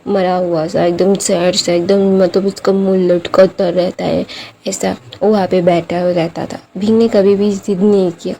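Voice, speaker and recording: A woman telling a story casually, rambling along with plenty of fillers. Her voice is gravelly with vocal fry and has a dark, mellow tone. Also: fairly low pitch, flat delivery, measured pace, slight background noise. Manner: rambling, conversational, many fillers.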